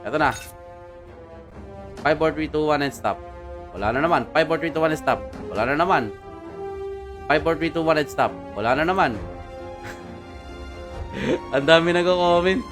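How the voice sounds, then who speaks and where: A man chatting excitedly while livestreaming a mobile game, teasing his opponent as he plays. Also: on the high side, moderate pace, pauses often, music in the background. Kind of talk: casual live game commentary.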